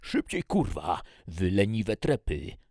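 A brutal, bearlike army major barks curses at his troops in a storybook reading, as a male narrator puts him on. The voice is loud and husky, pushed up from a very deep base, hammering out each order. It sounds close and dry, with no room around it. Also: very animated, slow pace, no room sound, heavily acted. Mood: shouting angrily. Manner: barking, cursing, shouting over engines.

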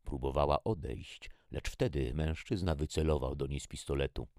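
A man reading a first-person story as an audiobook in a measured, even way. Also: rumbling low, no echo, clean studio sound. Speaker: audiobook reader.

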